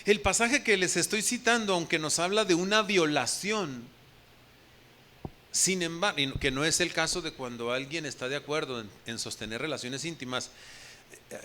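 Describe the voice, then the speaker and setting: A pastor preaches in a high, bright tenor, lively and forceful throughout his sermon. He addresses the congregation directly with questions and acts out the quoted words of the people in his story.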